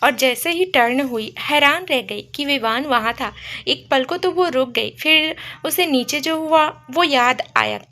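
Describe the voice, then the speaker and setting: A woman's voice: sits high, measured pace, bright, forceful tone. A woman narrating a romantic story in a conversational storytelling manner.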